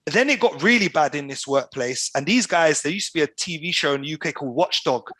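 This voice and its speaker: A podcast guest tells stories casually over a video call, an animated storyteller tossing in slang like "bro" and "you get me." His pitch is fairly high, his pace fairly quick, and there's no echo.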